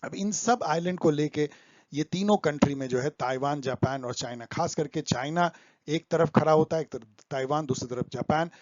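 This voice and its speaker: A man's voice: a little high, normal speed, no room sound, muffled recording. A man explaining current affairs for exam students over slides, mixing English terms into his talk. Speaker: exam tutor.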